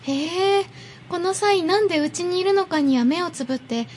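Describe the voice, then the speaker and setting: Brief: blunt, fed-up young woman at a party, voiced by a woman, very high and bright, in a radio skit. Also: expressive, a little hiss or hum. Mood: puzzled. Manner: blunt, quick retorts. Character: exasperated young woman hosting a sushi party. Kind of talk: comic radio skit reading.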